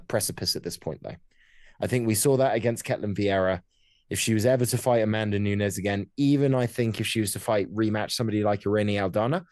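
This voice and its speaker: A man's voice: lowish voice, darkish tone, no echo, studio quality. A man hosting a podcast, giving casual, conversational commentary on sport. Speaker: podcast host.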